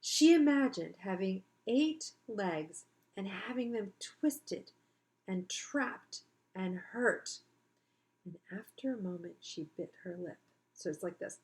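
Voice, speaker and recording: A woman's voice: medium pitch, lively intonation, slow, darkish tone, low-quality recording. Woman teacher, mid-range voice, reads a children's book aloud with chatty explaining asides.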